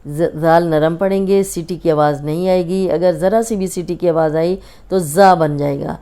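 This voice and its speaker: A woman with a Pakistani Urdu accent leads a recitation lesson, drawing out practice syllables and then explaining each sound with patience. Her voice is low, warm, and smooth, with a clean resonance. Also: fairly even intonation. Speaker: Quran recitation teacher. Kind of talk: slow instructional recitation lesson.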